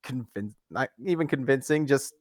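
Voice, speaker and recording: A man's voice: mid-range voice, normal speed, no echo, clean studio sound. A man playing in an online tabletop game, talking casually and rambling, often restarting his thoughts. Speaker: player.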